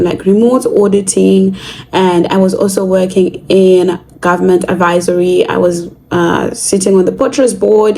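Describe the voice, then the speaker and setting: A young woman from Zimbabwe talks to camera in a casual vlog. Her voice is mellow and warm, and she sounds earnest and thoughtful. A faint hiss sits under the recording. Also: mid-range voice, vocal fry, rough recording. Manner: earnest, reflective, with fillers. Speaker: vlogger.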